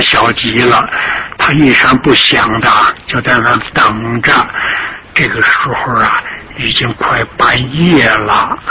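Slow, dramatic male storyteller. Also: mid-range voice. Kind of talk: traditional storytelling broadcast. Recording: noisy old radio recording.

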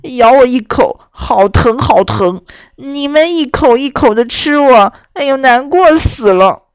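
Sweet naive little piglet from a storybook, polite, bit high and lively, a woman voicing him. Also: a little slow, clean tone, no room sound, lo-fi sound. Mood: innocent. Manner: innocent, polite and chatty.

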